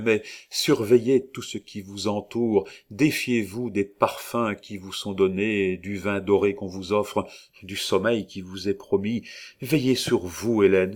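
A man reading the part of a jealous, passionate young man of twenty-five, speaking heatedly and with emphasis. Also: lowish voice.

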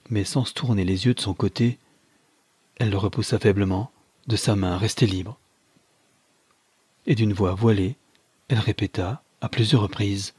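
A man reading a novel aloud in steady, dramatic audiobook narration. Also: fairly low pitch, husky, no echo.

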